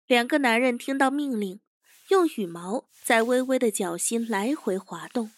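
Woman narrator, high voice, lively pitch, dry close mic, audio drama. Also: no room sound.

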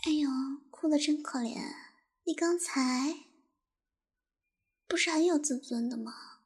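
The speaker is a young woman with a high, slow voice, cast as a taunting, cruel tormentor in an intimate audio roleplay. Between mocking, teasing lines that often fade into a whisper, she lets out soft laughs.

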